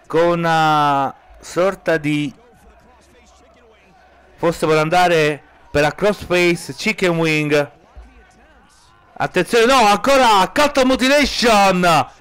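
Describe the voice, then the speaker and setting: An Italian man giving excited live play-by-play wrestling commentary as a commentator, urgent and exclamatory, stretching out stressed words. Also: a little high, clean tone. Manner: urgent, exclamatory, drawn-out stressed words, rising to shouts at key moments.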